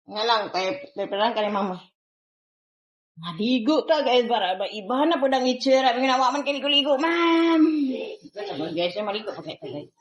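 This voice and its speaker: A woman's voice: fairly high pitch, expressive, moderate pace, roomy sound. A young woman from the Philippines chatting casually in a home vlog, talking to her viewers and coaxing her toddler. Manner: chatty, keeps addressing viewers, coaxes her toddler in baby talk. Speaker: vlogger and mother.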